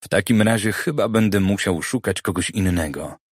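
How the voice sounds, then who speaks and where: Audiobook role: male narrator playing a shrewd private eye, deep voice, dry studio sound, calm persuasive delivery. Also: slightly rough, dry recording. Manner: measured, persuasive. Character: cautious, clever male private detective.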